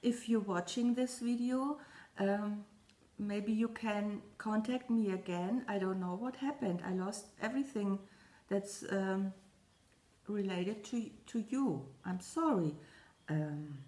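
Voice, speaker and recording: A woman talks casually to her stitching audience in a slow, unhurried way, her mid-pitched voice ringing in an echoey room at home. She rambles, restarts her sentences and keeps apologizing. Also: dark tone. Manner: rambling, halting, often apologizing. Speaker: cross-stitch vlogger. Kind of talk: casual chat to camera.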